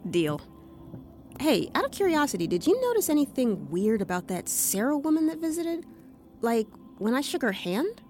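A woman's voice: high-pitched, normal speed, faint music behind. An actress playing an earnest young demon-sensing woman. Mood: puzzled. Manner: earnest, lively and emotional. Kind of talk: audio drama acting.

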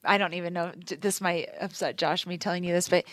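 A woman financial adviser on a panel, chatty and quick to laugh. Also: fairly low pitch, steady tone, dry recording. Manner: chatty, laughs easily, warm storytelling. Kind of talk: casual panel chat.

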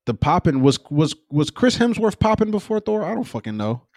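A young man co-hosting a casual chat show, loose and profane, opinionated and animated as he argues his points. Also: on the high side, brisk, dry recording, clean studio sound. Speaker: podcast co-host.

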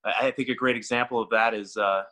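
A throwing coach chats casually on a podcast, stammering, repeating his words and laughing easily. He talks fast, with a lowish, steady voice that sounds pushed and bright.

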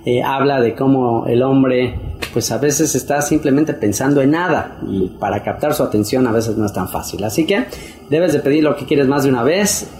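Guy preaching casual, lots of eh and repeats, normal pitch, goes high when quoting people. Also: moderate pace, a little mellow. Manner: conversational, with fillers and repeated phrases; acts out quoted wives in a higher voice. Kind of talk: casual sermon.

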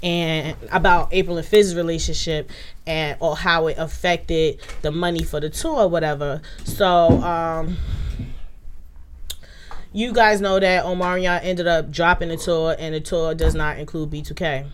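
A woman hosting a podcast in a casual, chatty way with lots of fillers. She is a bit under the weather and sounds somewhat monotone. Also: low voice, a little slow, slight background noise. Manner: loose, chatty delivery with many fillers. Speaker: podcast host. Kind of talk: casual chat.

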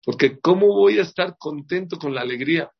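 A man's voice: fairly high pitch, brisk, gravelly, slightly rough, dull audio. A man, a rabbi teaching a religious lesson who keeps asking his listeners rhetorical questions. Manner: lively, asks the audience rhetorical questions. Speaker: rabbi teaching a Torah class.

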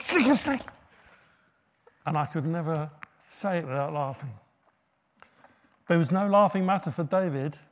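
Man, middle-aged preacher, sermon, slightly high voice, humorous asides. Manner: humorous, asks the listeners questions.

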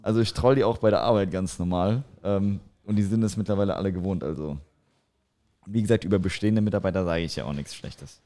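A man's voice: sits low, fast, dark tone. Laughing German man telling prank stories. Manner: laughing storyteller, crude slang. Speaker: podcast co-host. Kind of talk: casual podcast banter.

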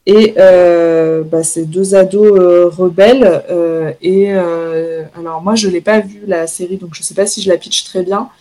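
A woman's voice: fairly low pitch, steady tone, unhurried, hardly any pauses, dark tone. A woman co-hosting a casual chat show, talking with many hesitations and fillers and laughing often. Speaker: podcast co-host presenting series picks.

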